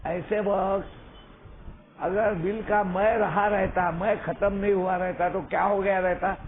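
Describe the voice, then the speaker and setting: A man tells a recovery story in an earnest, unhurried way over a phone call, often checking that the listener is following. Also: sits high, little pitch movement. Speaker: recovery sponsor sharing. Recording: tinny phone line with faint hiss.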